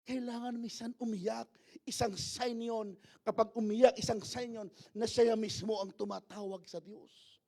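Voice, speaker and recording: A man with a fairly high voice preaches a sermon. He drops into quiet asides, then swells into loud, emphatic calls. He keeps asking the congregation for an amen. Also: fairly even intonation, measured pace, gravelly. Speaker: pastor.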